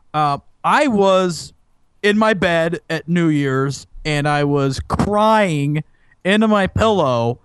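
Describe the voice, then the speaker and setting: A young man co-hosting a laid-back podcast, poking fun at his co-host with playful, over-the-top grievances. His voice is high and animated. The sound is dry and close. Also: clear, resonant tone, dry recording. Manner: teasing, mock-dramatic complaints. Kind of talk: casual podcast chat.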